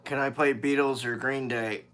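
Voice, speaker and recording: A man's voice: mid-range voice, steady tone, moderate pace, a bit bright, soft background music. A man in his fifties live-streaming as a musician, chatting casually with viewers, greeting them by name and swearing freely. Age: 50s.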